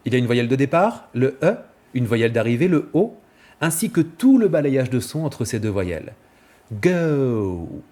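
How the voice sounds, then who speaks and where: A male vocal coach giving a clear, didactic scripted explanation and demonstrating examples. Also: mid-range voice, very animated, a little fast, darkish tone.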